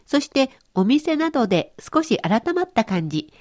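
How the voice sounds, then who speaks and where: A woman's voice: high-pitched, normal speed. A woman presenting a radio language lesson, explaining cheerfully. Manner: cheerful explaining, lively intonation. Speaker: language teacher.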